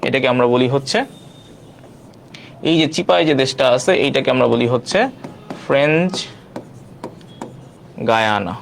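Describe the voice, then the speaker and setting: Man, online quiz teacher, repeats questions, mid pitch, faint background noise. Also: expressive, unhurried, vocal fry, pauses often. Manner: repeats questions, prompts viewers to answer.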